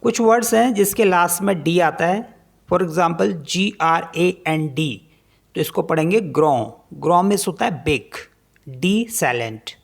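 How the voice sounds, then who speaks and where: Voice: mid-range voice, unhurried, vocal fry. A language teacher explaining French pronunciation in Hindi, spelling each word letter by letter and then repeating how it is read.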